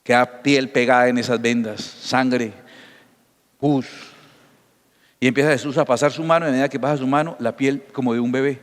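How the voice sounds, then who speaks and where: A man, a pastor giving a sermon in an animated storytelling manner with acted dialogue. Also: mid-range voice, normal speed, long pauses, in a large hall.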